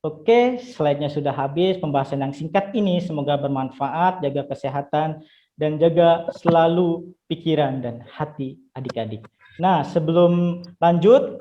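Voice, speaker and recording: A young man from Indonesia, a student teacher, leads his pupils through an online lesson in an encouraging, friendly way. His voice sits a little high. The video-call audio sounds a bit dull and muffled. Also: warm tone. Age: young adult.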